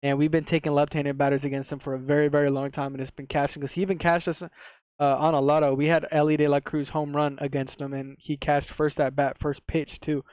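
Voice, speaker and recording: Male sports tipster, slight retainer lisp, clean and smooth tone, very even pitch, casual and slangy. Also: a little fast, no echo, dull audio. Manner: slangy, swearing, repeats himself for emphasis. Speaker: sports betting tipster, video host. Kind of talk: casual sports betting commentary to viewers.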